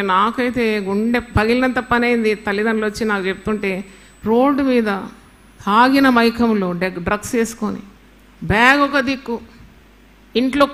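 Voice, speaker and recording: An older woman preaches with a bright, forceful voice, pressing her points hard. She tells homely stories between her teaching and drops in English phrases. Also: medium pitch. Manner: emphatic, storytelling, mixes in English phrases. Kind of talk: sermon.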